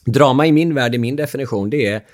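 A man, a father, explaining relationship roles in an animated chat, acting out quotes and laughing often. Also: mid-range voice. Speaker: speaker on the drama triangle, a father.

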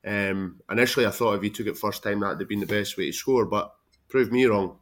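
A man talks through football tactics in a conversational way. His voice sits slightly low, and he sounds like a podcast panellist giving informal analysis. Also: brisk.

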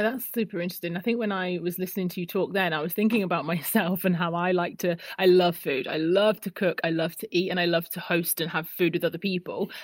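A woman's voice: on the low side, dry recording. A woman hosting a podcast interview, chatting casually and telling personal stories with lots of repeated words. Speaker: podcast host.

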